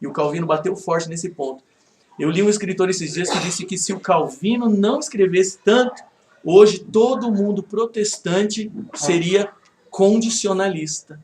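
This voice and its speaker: A male pastor with a fairly high-pitched voice teaches a Bible study in a lively, conversational way, often checking in with his listeners. The sound is roomy, with a faint hiss behind him. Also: unhurried. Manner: conversational, animated, rhetorical check-ins. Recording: echoey room, faint background noise.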